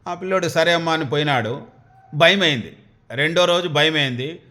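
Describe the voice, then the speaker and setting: A man, telling a devotional story in a folksy, animated way. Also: a little high, moderate pace. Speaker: spiritual storyteller.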